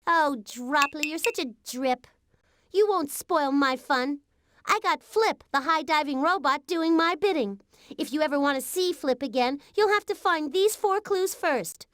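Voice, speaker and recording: A woman's voice: high voice, a little slow, a bit bright. A woman voicing a mischievous young girl prankster in an educational game, taunting and bossy. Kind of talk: 1990s educational game voice acting.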